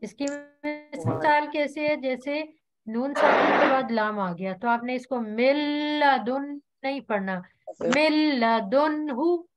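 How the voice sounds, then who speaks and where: Slow high-voiced woman teaching tajweed online. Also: loud music behind the voice. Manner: slow, patient, models each word for students to repeat. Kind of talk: online Quran recitation class. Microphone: video call.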